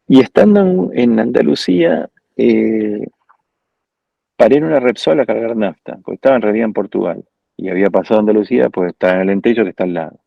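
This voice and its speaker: A man's voice: lowish voice, vocal fry, warm tone, dry recording, muffled recording. A man with an Argentine accent, a guest speaker at an architecture school, giving an informal lecture over a video call in a reflective, digressive storytelling way.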